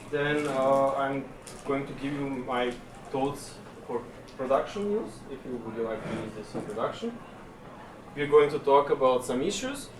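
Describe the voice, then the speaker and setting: In a conference session room, a man from Serbia delivers a technical talk in a mid-range voice, easygoing and chatty with frequent filler pauses. The recording is echoey, captured from a distance with audible room noise.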